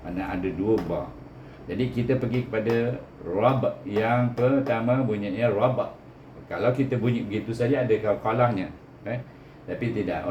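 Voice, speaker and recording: A man's voice: lowish voice, darkish tone, lo-fi sound. A man with a Malaysian accent teaching Quran reading step by step, over-enunciating syllables in a didactic way and often tagging points with a short "eh". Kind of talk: step-by-step recitation lesson. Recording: echoey room with background noise.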